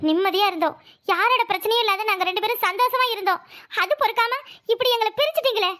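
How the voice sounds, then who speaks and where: A young cartoon wife, voiced by a woman, pleads and argues in a high, bright, fast voice. She is stubborn and insistent, and she refuses to be sent away. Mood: pleading.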